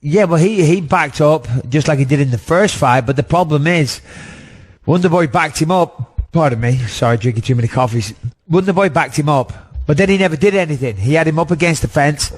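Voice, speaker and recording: A man in his thirties talks bluntly and emphatically on a casual podcast. His voice sits a little high for a man, and he swears freely as he breaks down a fight. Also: lively intonation, a little fast. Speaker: podcast host, former fighter.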